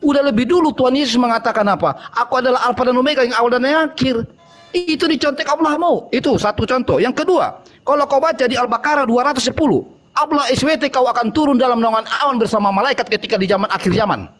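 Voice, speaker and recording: A man with a strikingly high voice argues in an online debate. He mocks and provokes his opponents with open scorn. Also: expressive, fast, fairly bright tone.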